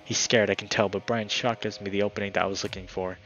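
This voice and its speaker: A man with a fairly low voice reads a visual novel aloud, giving the narration a dramatic push. He breaks off now and then for a casual aside to his viewers. Soft music plays faintly behind him. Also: flat delivery, fast, lo-fi sound. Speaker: gaming YouTuber.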